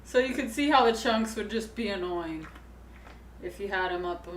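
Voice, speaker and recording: A woman chatting casually while she cooks, upbeat and quick with a laugh. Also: mid-range voice, animated, slight background noise. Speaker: co-host. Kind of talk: casual chat while cooking. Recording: echoey room, mic far off.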